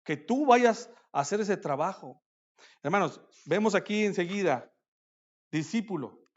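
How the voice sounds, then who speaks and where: A man preaching a sermon at a church conference, calling out to his listeners as brothers and swinging between loud declarations and quiet asides. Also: high-pitched, lively intonation, measured pace, muffled recording.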